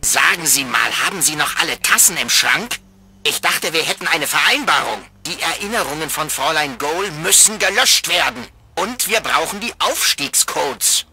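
Brief: a cold villainous official, bright sharp tone with a husky edge. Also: male voice, fairly high pitch, animated, normal speed, exaggerated voice. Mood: menacing. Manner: curt, threatening. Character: menacing official man, cold and threatening. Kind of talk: adventure game dialogue.

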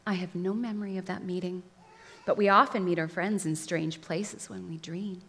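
A woman voicing a sweet-voiced scheming witch queen in a soft, soothing, quiet voice, recorded in a reverberant hall. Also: lowish voice, steady tone, moderate pace, creaky.

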